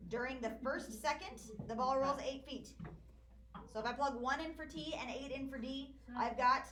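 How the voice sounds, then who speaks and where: A woman math teacher lecturing a classroom, walking through problems step by step and hushing her students. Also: high-pitched, normal speed, a crowd in the background. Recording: echoey classroom recording.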